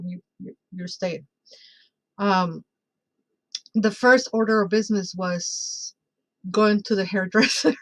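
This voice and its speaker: A woman speaks as a podcast guest, sharing a personal story in a casual register. Her delivery is expressive and conversational, with frequent little check-ins to the listener. Her pitch sits in an average range for a woman. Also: poor audio.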